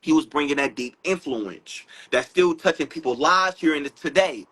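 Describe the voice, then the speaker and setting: Man husky, high-pitched spiritual talker. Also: moderate pace, rough recording. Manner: animated, preachy, acts out quotes and raps lines. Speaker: spiritual speaker. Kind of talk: casual live talk.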